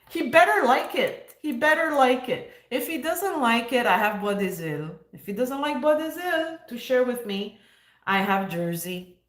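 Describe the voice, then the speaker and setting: A woman's voice: on the high side, lively intonation, unhurried, fairly bright tone, echoey room. A woman in her fifties hosting a casual livestream, joking and sarcastic, laughing often. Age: 50s. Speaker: livestream host.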